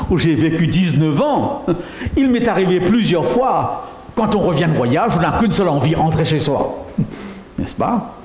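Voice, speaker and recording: A middle-aged man from Mauritius delivers a sermon testimony with a lively, swinging pitch and an unhurried pace. He keeps checking in with his listeners through rhetorical questions. The voice rings in a roomy hall over a faint hum. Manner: animated, asks the audience rhetorical questions. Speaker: pastor. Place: church meeting hall. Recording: echoey hall with faint noise.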